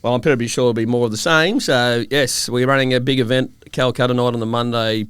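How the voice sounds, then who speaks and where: A man in his thirties with an Australian accent, co-hosting a casual pub-style podcast and telling animated yarns. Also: mid-range voice, brisk, clear, resonant tone, no room sound. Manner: animated storyteller, acts out mates' voices. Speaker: podcast co-host.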